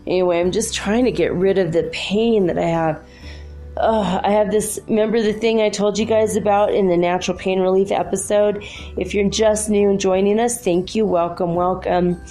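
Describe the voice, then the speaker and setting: Female solo podcast host, chatty and informal, dark mellow tone, swollen-throat thickness, faint music behind. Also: medium pitch, steady tone, moderate pace. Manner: informal, self-quoting, chatty asides. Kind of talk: casual rambling solo podcast chat.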